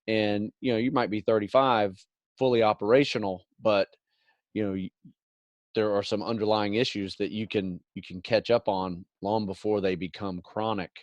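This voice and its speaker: A man's voice: on the low side, little pitch movement, moderate pace, dry recording, highs cut off. A middle-aged man hosting a podcast, agreeable and advising in a loose, filler-heavy way. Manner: agreeable, many "you know" fillers, advisory. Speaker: podcast host. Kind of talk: casual podcast conversation.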